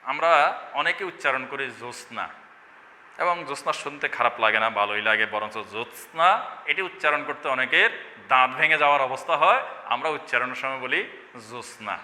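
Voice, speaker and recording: A man's voice: mid-range voice, fast talker, sharp tone, big-room sound, slight background noise. A middle-aged man teaching an online language class, explaining points and answering his own questions. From Bangladesh. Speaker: Bengali teacher.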